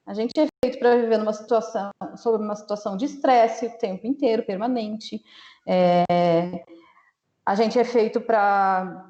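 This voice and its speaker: A woman's voice: mid-range voice, fairly even intonation, normal speed, mellow. A woman from Rio Grande do sul, a mental health blogger speaking as a guest on a live stream, explaining earnestly with many fillers and restarts. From Rio Grande do Sul, Brazil. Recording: echoey room, muffled live-stream audio.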